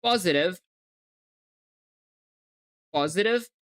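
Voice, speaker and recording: Slow and expressive, her voice sits on the low side with a clean tone. The speaker, a young woman with an ambiguous hybrid accent, is livestreaming her coding, reasoning aloud, spelling terms letter by letter, and chatting with viewers.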